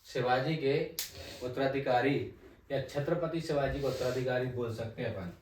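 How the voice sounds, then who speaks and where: A male teacher giving an exam-prep history lesson, repeating key names and asking the class quick check questions. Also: slight background noise. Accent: Hindi. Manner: repeats key names, tag "ध्यान रखना" often drops low and soft. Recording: echoey room, mic at a distance.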